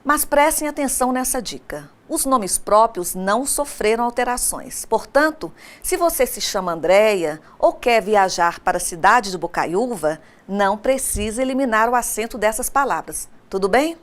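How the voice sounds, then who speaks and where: A woman teacher giving a recorded online grammar lesson, speaking straight to her students and slowing down to spell out example words. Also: on the high side, expressive. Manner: didactic, addresses students directly.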